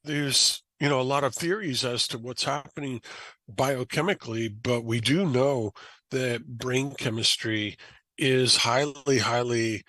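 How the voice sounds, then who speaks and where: A man chatting on a podcast, explaining ideas calmly and slipping into animated quoted voices. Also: mid-range voice, measured pace, dry recording, poor audio. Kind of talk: conversational podcast chat.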